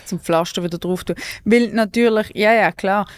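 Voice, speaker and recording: A woman with a Swiss German accent, a stand-up comedian hosting a casual podcast chat, talking in an animated way and laughing often. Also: medium pitch, normal speed, clean tone, dry recording. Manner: chatty, animated, laughs often, loses her thread.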